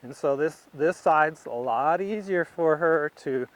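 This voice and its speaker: Demonstrating as he goes, a riding instructor offers commentary in short, unhurried phrases, almost thinking out loud. His voice sits fairly high.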